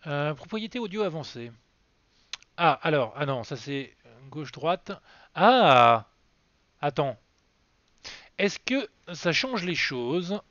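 A man's voice: on the high side, sing-song, takes it slowly, long pauses, a bit bright, no echo. A man chatting casually on a game live stream, rambling and self-mocking with lots of fillers. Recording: dry, slightly dull lo-fi sound.

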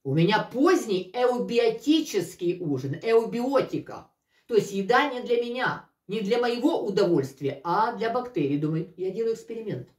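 A woman's voice: medium pitch, lively intonation, normal speed, a little mellow. A woman. She chats emphatically like a home vlogger, repeating herself. The sound is echoey, with the microphone some way off. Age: 60s. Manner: emphatic, repeats phrases, uses affectionate diminutives. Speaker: weight-loss and cooking vlogger. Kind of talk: casual chat to viewers. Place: living room indoors. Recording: roomy echo, distant microphone.

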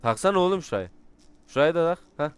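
A young man chatting casually with friends while playing a multiplayer game, joking loudly, swearing and repeating words in quick bursts. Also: fairly high pitch, very animated. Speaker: gamer.

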